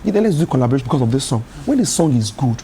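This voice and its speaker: A Nigerian man with a Nigerian English accent, a gospel artist telling lively stories as a talk-show guest, often laughing and repeating words. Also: mid-range voice, rapid-fire, slight background noise. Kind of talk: casual talk show conversation. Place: television studio.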